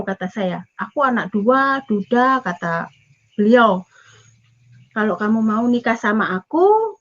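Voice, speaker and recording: A woman's voice: on the high side, fairly bright tone. A woman from Java telling a personal testimony, animatedly acting out both sides of the conversations she recalls. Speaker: testimony speaker. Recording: dull lo-fi audio.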